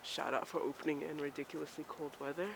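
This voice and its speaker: Trudging down a snowy street, this Maryland woman keeps up a casual walking vlog into her handheld camera, rambling self-mockingly and slightly winded. She speaks low, creaky and quick in a level tone, with faint traffic humming in the background.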